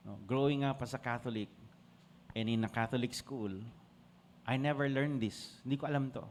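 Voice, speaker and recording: A man's voice: medium pitch, steady tone, normal speed, a little mellow, slight background noise. A man with a Filipino accent preaching a sermon, switching between Tagalog and English and calling on the congregation to answer. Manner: asks the congregation for responses. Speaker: pastor.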